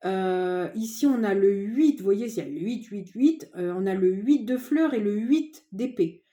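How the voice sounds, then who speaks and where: A woman giving a casual tarot reading to viewers, chatty and informal, often pausing with fillers. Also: medium pitch, animated, mellow, lo-fi sound. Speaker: tarot card reader.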